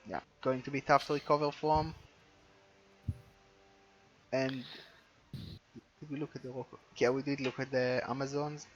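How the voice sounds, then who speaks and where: A man talks through a game recap in a relaxed, chatty way, weighing up teams. His voice sits at an ordinary middle pitch. The audio is dull and lo-fi. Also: measured pace, long pauses. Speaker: co-host. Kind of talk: casual game recap chat.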